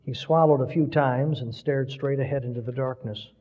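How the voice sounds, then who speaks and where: A man preaching, telling a story in a slow, solemn voice. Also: medium pitch, fairly even intonation, mellow. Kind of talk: sermon story reading. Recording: dull lo-fi recording with long hall reverb.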